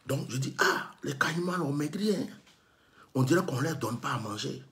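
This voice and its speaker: A man's voice: mid-range voice, animated, moderate pace, fairly bright tone. A man from Côte d'Ivoire with an Ivorian French accent, telling a story and delivering an impassioned, scolding monologue that acts out bits of dialogue.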